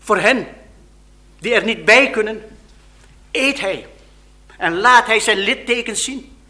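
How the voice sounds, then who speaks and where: Male preacher, slow deliberate delivery, expressive dramatic sermon storytelling. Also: high voice.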